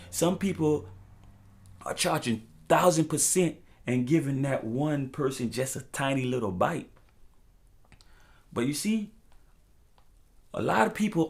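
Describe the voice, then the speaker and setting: An American talk show host launches into an impassioned freestyle monologue, preaching in profane street slang with emphatic repetition and loose rhymes. His voice is a little high and creaky.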